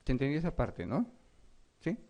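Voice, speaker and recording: A man's voice: medium pitch, wildly swooping pitch, normal speed, creaky, warm tone, highs cut off. A man giving an exam review lecture, reading questions and explaining them, often checking in with his students. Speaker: medical lecturer.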